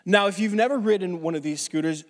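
Speaking fast in a high voice, this pastor in his thirties delivers a sermon in a reverberant church hall. He tells his story in a casual way, restarting often and sounding slightly winded.

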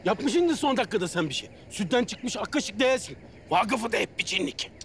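A man's voice: high voice, animated, brisk, fairly bright tone, slight background noise. An actor playing an irritable village father who scolds his family in a TV comedy. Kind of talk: TV comedy acting.

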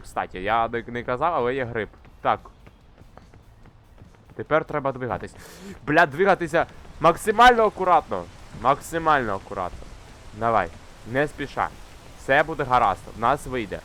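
A young man commenting casually on a climbing game he plays, swearing often and shouting when things go wrong. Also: medium pitch, expressive, normal speed, long pauses. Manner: swears constantly, shouts in frustration while climbing. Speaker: gamer. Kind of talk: casual let's-play commentary. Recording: faint game music behind.

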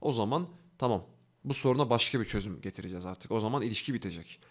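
This self-development instructor, teaching online in a lowish voice, works through the steps of his lesson by posing questions and answering them himself. He speaks fast and earnestly, coaxing listeners along with rising emphasis.

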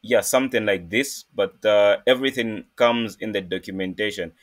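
A man from Zambia hosting a casual screen-recorded coding tutorial, talking in a halting way with many fillers and restarts. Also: fairly low pitch. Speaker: programming tutorial host.

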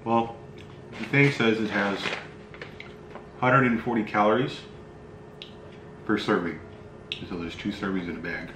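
A middle-aged man giving a casual, halting, low-key food review as he tastes, recorded at a table indoors. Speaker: spicy food review host. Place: small bright room indoors. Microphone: camera mic across a table. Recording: echoey room, faint background noise.

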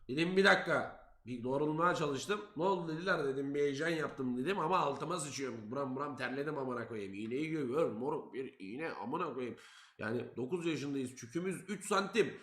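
Young male streamer, high bright voice, roomy echo; animated and foul-mouthed storyteller. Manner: animated, profane, quoting himself loudly. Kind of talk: casual storytelling to chat.

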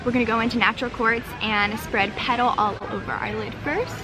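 A woman's voice: fairly high pitch, steady tone, a little fast. A young woman hosting a makeup tutorial, bubbly and chatty, sitting at an outdoor picnic table near the beach and filming herself up close. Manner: bubbly, chatty, lots of "super" and "fantastic". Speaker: beauty vlogger. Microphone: handheld camera close up.

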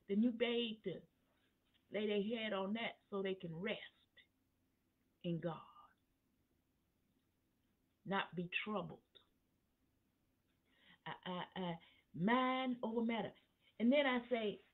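Slow, emphatic woman pastor on a phone line. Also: fairly high pitch. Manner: slow, emphatic preaching cadence that builds to fervent peaks. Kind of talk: preaching at a Bible study. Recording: tinny phone-line sound.

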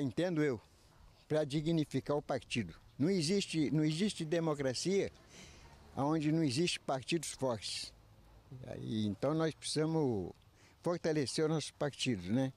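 A man in his eighties, a retiree interviewed outdoors into a handheld microphone, speaking haltingly with many restarts and filler tags. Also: fairly high pitch, a little mellow. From Brazil. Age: 80s. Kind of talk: street interview. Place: outdoors under trees by a house. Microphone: handheld reporter mic.

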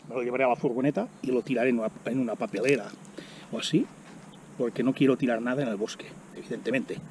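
A middle-aged man from chats to a camera set on the ground while he eats outdoors. His voice is mellow and relaxed, and he exclaims freely between bites. Faint insect buzz and outdoor hum sit behind him. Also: medium pitch. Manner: chatty, exclaims while eating. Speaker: vlogger. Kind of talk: casual outdoor vlog narration. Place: outdoors by a road in the woods. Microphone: camera on the ground in front.

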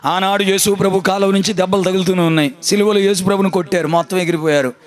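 High-voiced pastor preaching emphatically. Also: male voice, fairly even intonation, fast, soft background music. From India. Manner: emphatic, repeating phrases and calling for responses. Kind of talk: sermon.

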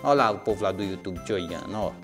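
A woman's voice: rumbling low, lively intonation, quick pace, over music. A Brazilian woman soothing and coaxing her nervous dog through a bath, with sighs and exclamations. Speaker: pet owner vlogger. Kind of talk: casual talk while bathing a dog.

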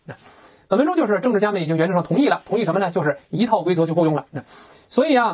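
Brief: fast-talking teacher with a husky voice, bouncy pitch, on a dull lo-fi recording. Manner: lively, asks rhetorical questions, reads example sentences aloud. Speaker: English teacher. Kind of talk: explaining a textbook lesson in Chinese.

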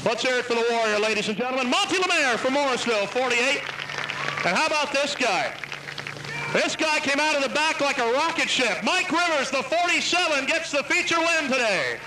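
A man calling a live stock car race as a booming, pumped-up announcer with a wisecracking streak. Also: expressive, fairly quick. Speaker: race announcer and trackside interviewer. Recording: loud engine and track noise. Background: car engines and track ambience.

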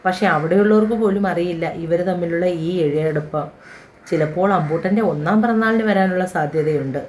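A man's voice: sits high, fairly quick, slight background noise, close to an everyday voice. A woman voicing an easygoing young nephew who explains family matters plainly. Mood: explaining.

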